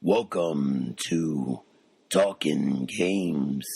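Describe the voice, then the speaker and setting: A gravelly, very low movie trailer announcer, as a man puts him on. He stretches each word into a slow, dramatic delivery. The sound is dry, with no room around it. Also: a little mellow, no room sound, full character voice. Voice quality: deep gravelly voice. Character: booming male movie trailer narrator.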